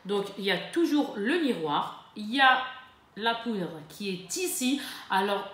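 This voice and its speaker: A woman chatting casually to camera in a beauty haul, lively and full of fillers and self-corrections. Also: medium pitch, measured pace. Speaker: beauty vlogger. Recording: echoey room with faint ambient noise.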